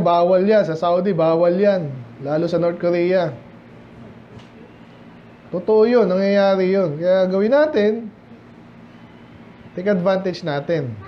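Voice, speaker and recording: A male pastor with a Filipino accent, teaching verse by verse in a midweek Bible study, reading King James verses slowly and explaining them in mixed Tagalog and English. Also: high-pitched, muffled recording, a little hiss or hum. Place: church sanctuary, indoors.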